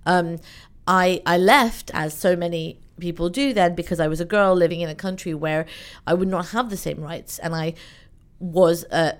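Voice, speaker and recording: Woman, interview guest, fairly low voice, lively and chatty, lots of "like" and "you know". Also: normal speed. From Iran, raised in the UK. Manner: animated, chatty, many fillers. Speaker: event organizer, guest. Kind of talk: conversational interview.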